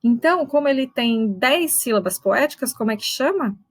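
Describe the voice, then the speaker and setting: A woman teaches a literature class online, her voice sitting a little high. She explains step by step, checks in with her students, and slowly spells out syllables. The sound is dry and close, with no room around it. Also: animated, no room sound, poor audio. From Brazil.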